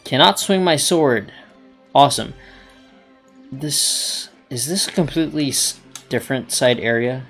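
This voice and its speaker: Gravelly rambling game commentator. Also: male voice, medium pitch, expressive, measured pace, long pauses, fairly bright tone, soft background music. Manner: rambling, hesitant, self-talking. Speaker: gaming channel host. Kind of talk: let's play commentary.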